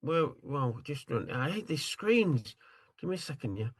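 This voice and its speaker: Searching his screen as he demonstrates a tool on a video call, a man rambles apologetically during this casual screen-share demo. His husky voice sits on the high side and is very animated, though his pace is unhurried.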